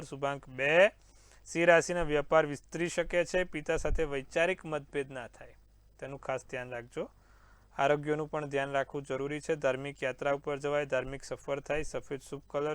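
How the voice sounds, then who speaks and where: A man hosts an astrology show, reading the day's horoscopes and answering callers' questions with confident reassurance, calling viewers sir. His voice is fairly high and fairly bright, with a clean tone and no room sound.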